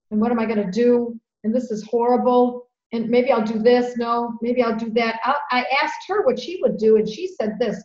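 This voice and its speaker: Earnest woman in an echoey room. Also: a little high. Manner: earnest, fillers, repeats words when emotional. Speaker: homeopathy practitioner. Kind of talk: conversational storytelling. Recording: echoey room, dull lo-fi sound.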